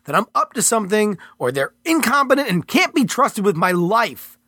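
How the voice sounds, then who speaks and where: A man reading the part of a desperate male hostage-taker cornered on a bridge, pleading and defiant, breaking into shouts. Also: high voice, very animated, normal speed, no room sound, clean studio sound, voice pushed up, full character voice.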